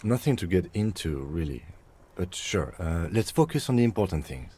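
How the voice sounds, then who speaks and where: A reserved police lieutenant in a video game, speaking calmly and briefly. His voice is low, mellow and slightly husky. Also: normal speed, full character voice. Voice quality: calm, restrained and clipped.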